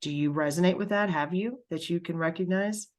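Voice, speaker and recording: Low-voiced woman medium giving a reading. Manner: halting, emotional, many fillers and pauses. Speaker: spiritual medium. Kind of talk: spiritual reading session.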